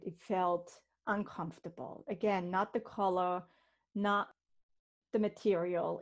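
Swiss-born lady hosting a podcast, low-ish voice, earnest and reflective. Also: a little mellow. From Switzerland. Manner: earnest, reflective storytelling with restarts. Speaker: podcast host, medium. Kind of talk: casual podcast talk.

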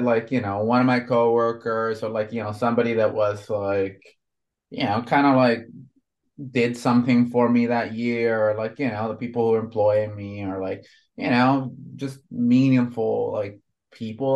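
A man's voice: medium pitch, moderate pace, darkish tone, muffled recording. A man in his thirties from Honduras, a tattoo artist chatting casually and rambling with lots of fillers. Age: 30s. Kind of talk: casual conversation.

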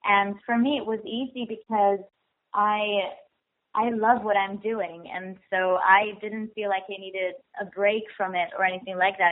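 A young woman, heard over a telephone line as an interview guest, talking eagerly and often repeating words for emphasis. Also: medium pitch. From Israel. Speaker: guest actress. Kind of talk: phone interview. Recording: tinny phone line.

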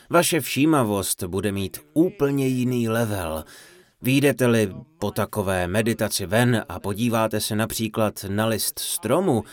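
A man giving a humorous dharma talk, telling a funny story in an animated, playful way. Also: mid-range voice. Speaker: Czech voice-over of a Buddhist teacher's talk.

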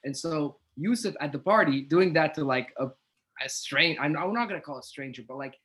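Higher-pitched young man telling stories casually. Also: a little fast, a bit bright. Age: young adult. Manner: slangy, heavy use of "like" and "bro". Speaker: podcast co-host. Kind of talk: casual storytelling and banter.

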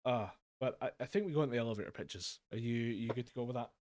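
A fast-talking young man from Scotland, his medium-pitched voice darkish and free of room sound, co-hosts a laid-back podcast. Over a voice call on a home mic, he rambles through anecdotes with frequent swearing and laughter.

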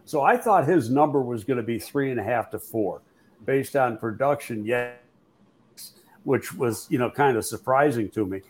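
A man of mid-range pitch talks football as a show host. He weighs players and contracts frankly, in a loose conversational way with frequent restarts. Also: animated, normal speed, a little mellow, slight background noise. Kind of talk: casual football podcast talk.

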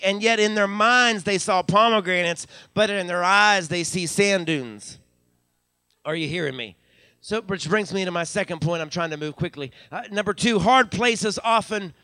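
An American male pastor with a high, bright voice preaches a live sermon in a church sanctuary, with no room sound on the recording. He keeps calling out to the congregation and saying hallelujah often. Repeating phrases for emphasis, he builds to raised climaxes.

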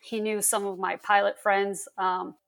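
Woman from lithuania, podcast guest, tells stories all animated and chatty. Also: medium pitch, a little slow, gravelly. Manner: lively storyteller, animated. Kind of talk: casual interview chat.

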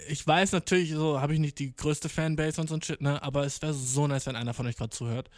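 Speaking fast with a steady tone and a voice on the high side, a young man tells a swear-filled, slangy anecdote, acting out the people in it and tagging lines with "ne?". The sound is dry and studio clean.

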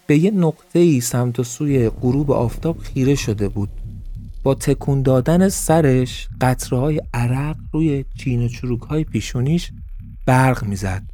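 A man narrating a story in a calm, even storytelling manner. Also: medium pitch. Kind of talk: scripted narration.

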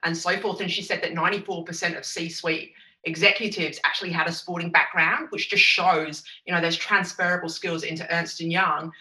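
A woman's voice: on the low side, steady tone, a little fast, pushed and bright. A woman with an Essex accent talking as an upbeat, emphatic interview guest. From Essex, England. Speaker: podcast guest, chief executive. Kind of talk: enthusiastic interview conversation. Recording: roomy echo, distant from microphone.

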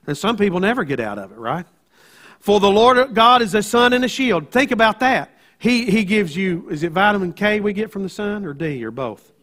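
A man's voice: sits high, lively intonation, moderate pace, fairly bright tone. A man with an Appalachian accent preaching a sermon as a pastor, in a folksy storytelling manner, often checking in with his listeners.

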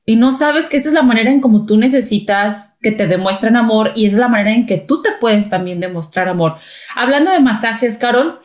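Host, woman, Mexican accent, animated and chatty, high-ish voice, roomy echo. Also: fairly quick. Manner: animated, mimics other people's voices. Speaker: podcast host. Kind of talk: casual conversation. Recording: echoey room.

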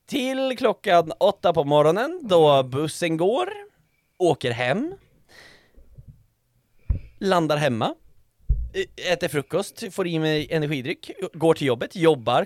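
A man telling an animated comic story as a podcast co-host, swearing a lot and mixing in English phrases. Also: a little high, pauses often, no room sound, clean studio sound.

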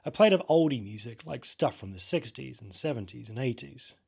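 A man's voice: medium pitch, expressive, fairly quick, vocal fry, darkish tone, husky. A man narrating a spooky story in the first person, in a casual, conversational way.

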